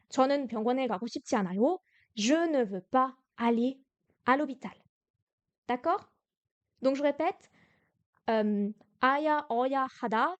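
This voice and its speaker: High-voiced woman teaching Korean. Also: darkish tone, dry recording. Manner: patient, explains step by step. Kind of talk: livestream lesson.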